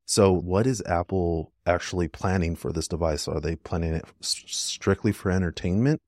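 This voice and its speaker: Deep man, dry close sound, rambling casual talk, podcast guest. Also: moderate pace, darkish tone, no room sound. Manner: rambling, frequent "like" fillers. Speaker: podcast guest, app developer.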